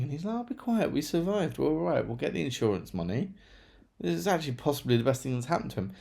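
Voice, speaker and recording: A man's voice: medium pitch, darkish tone. A man chatting casually through a monthly book review, rambling with self-deprecating asides. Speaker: book vlogger.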